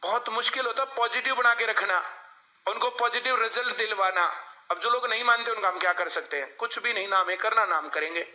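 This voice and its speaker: A man's voice: high-pitched, a little fast, sharp tone. A male coaching teacher, lecturing a class and often asking the students to answer him. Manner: lecturing, asks class for replies.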